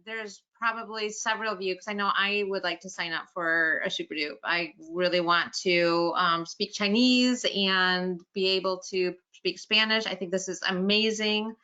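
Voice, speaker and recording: A woman with a bright, crisp voice hosts a webinar in an enthusiastic, chatty way and laughs easily. The audio is dull and lo-fi, as if it came through a video call. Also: medium pitch, moderate pace, hardly any pauses. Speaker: webinar host. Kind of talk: hosted webinar conversation.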